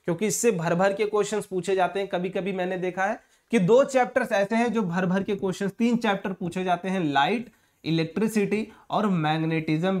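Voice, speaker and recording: A man's voice: high voice, a little mellow. A male physics teacher giving an online exam-prep lesson, casually calling students brother and asking rhetorical check-in questions as he explains. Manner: mixes English terms into Hindi explanation.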